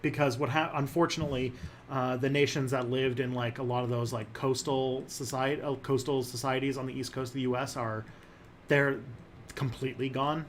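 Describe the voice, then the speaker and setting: A man hosting a casual livestream chat, animated and jokey, rambling with many fillers. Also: mid-range voice, a little fast, slight background noise. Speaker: host.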